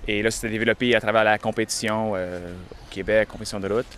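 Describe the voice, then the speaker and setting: A young man, answering interview questions in a halting way, often repeating words. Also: on the low side, steady tone, fairly bright tone, a little hiss or hum. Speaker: touring cyclist interviewee.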